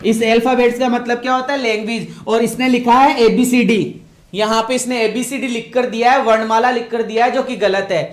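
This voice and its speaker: A man's voice: very high-pitched, fairly even intonation, brisk, reverberant. A male teacher running an online English grammar class, repeating questions, praising and scolding his students.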